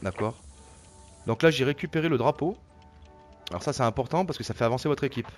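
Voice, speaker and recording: A man's voice: medium pitch, fast, music in the background. A man giving casual gameplay commentary as he walks viewers through an online shooter, hesitant and full of fillers and repeated words. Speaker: gameplay tutorial narrator.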